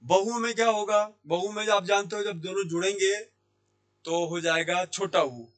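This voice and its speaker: A male Hindi teacher giving a grammar lesson, his voice sitting a bit higher than most men's. He keeps asking the class a question and then answering it himself, and he says each key word slowly, more than once. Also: steady tone, fairly bright tone. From India. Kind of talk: classroom lesson explaining sandhi. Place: Jaipur language institute.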